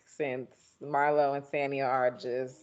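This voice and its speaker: A woman co-hosting a casual chat, agreeing and reacting quickly. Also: rumbling low, flat delivery, a little mellow. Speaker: co-host. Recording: dull lo-fi audio.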